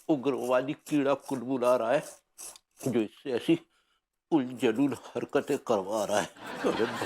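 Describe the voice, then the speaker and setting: An actor playing a blustering, cowardly middle-aged husband in a TV sitcom, ranting dramatically and stammering when scared. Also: male voice, mid-range voice, vocal fry, a little mellow, a little hiss or hum. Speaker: sitcom character.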